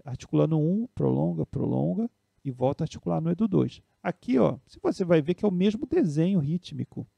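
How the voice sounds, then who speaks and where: A man's voice: high voice, vocal fry, dark tone, slightly rough, no echo. A man with a Brazilian Portuguese accent teaching a piano and music theory lesson, patiently explaining step by step and checking in with "né?" and "tá?".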